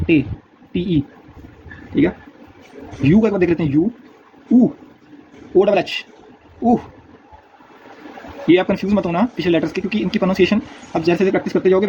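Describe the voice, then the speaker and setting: A man teaching a language lesson, repeating letter sounds slowly and patiently in a casual spoken style. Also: sits high, warm tone. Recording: dull lo-fi recording, faint noise.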